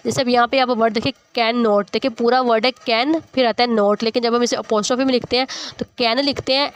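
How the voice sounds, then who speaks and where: A woman teacher explaining a school lesson, reading English lines slowly and then explaining each in Hindi-Urdu. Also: on the high side, clean tone.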